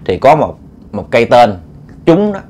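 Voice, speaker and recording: A man with a Southern Vietnamese accent narrating a ghost story in an animated, dramatic way, often repeating words as he builds tension. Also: mid-range voice, moderate pace. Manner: animated, dramatic, repetitive stammering.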